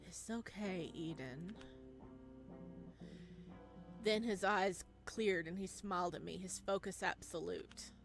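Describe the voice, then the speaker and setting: A woman with a creaky, mid-range voice reads a visual novel game aloud, narrating in an expressive, dramatic, theatrical way and reacting playfully.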